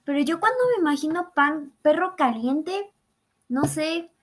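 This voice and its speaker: A woman's voice: high voice, normal speed. A young Mexican woman rambling sarcastically through a playful, comedic explainer. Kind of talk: casual comedic explainer monologue.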